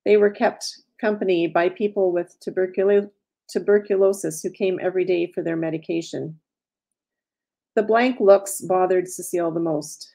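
Female author, measured storybook reading, mellow low voice. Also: gravelly. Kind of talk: reading her own story aloud.

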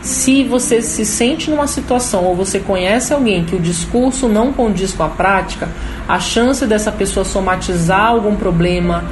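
A woman's voice: mid-range voice, normal speed, noisy background. A woman with a Brazilian accent giving an informal explanatory talk as a program host. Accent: Brazilian Portuguese. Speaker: program host and holistic therapist.

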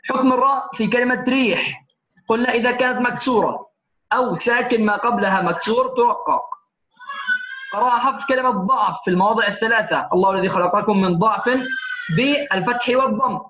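Speaking in a very high, bright, forceful voice at a fairly quick pace, a Quran recitation teacher corrects test answers in turn, frequently asking "تمام؟" ("okay?"). The slightly dull lo-fi recording was made in an echoey room and has a little hiss or hum.

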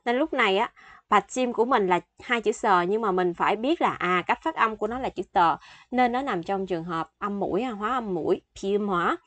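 A woman's voice: mid-range voice, a little fast, fairly bright tone, dry recording. A woman in her thirties teaching a language lesson, patiently explaining and repeating example phrases several times.

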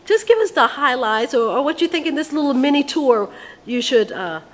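A woman's voice: high voice, expressive, normal speed. Playful woman host in an echoing museum hall. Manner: theatrical, chatty, mixes Spanish greetings. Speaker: vlog host. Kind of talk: playful on-location interview. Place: large museum exhibit hall, indoors. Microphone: handheld camera held close. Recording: long hall reverb with background noise.

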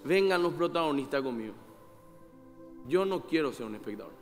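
High-voiced pastor preaching in a hall. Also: male voice, lively intonation, normal speed, faint music behind. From Paraguay. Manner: conversational preaching with rhetorical questions and acted-out dialogue. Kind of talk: sermon. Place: church hall.

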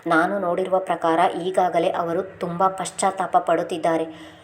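Exasperated young husband, pleading, a bit low, read by a woman narrator. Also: flat delivery, moderate pace, slight background noise, lightly acted. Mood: soothing. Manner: pleading, scolding.

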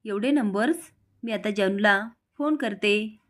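Read by a woman narrator, this is a frightened young woman from a television serial. She calls out her lines with a small lift of pitch and volume. The voice sits at an ordinary middle pitch. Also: a little slow, natural voice. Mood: surprised.

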